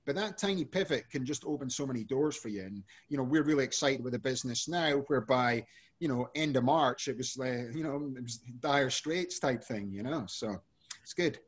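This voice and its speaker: Speaking fast and with animation, this husky, medium-pitched voice belongs to a Scotsman who runs an energy company. He's a podcast guest giving casual interview answers, rambling easily and leaning on plenty of fillers.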